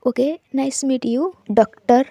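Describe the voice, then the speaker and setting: A woman voicing a loud, joking young man who teases his friends in playful banter. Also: high-pitched, a little slow, gravelly, no echo, exaggerated voice. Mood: teasing.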